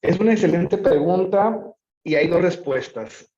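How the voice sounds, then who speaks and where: Echoey, higher-voiced man presenting. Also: unhurried, dark tone. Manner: conversational, uses rhetorical questions. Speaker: presenter, logistics expert. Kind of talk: explanatory presentation and answers. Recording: echoey room, slightly muffled audio.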